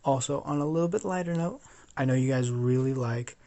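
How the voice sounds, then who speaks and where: A man's voice: mid-range voice, fairly quick, warm tone. A sleepy young man rambling as he narrates a fan-fiction story, full of fillers and restarts.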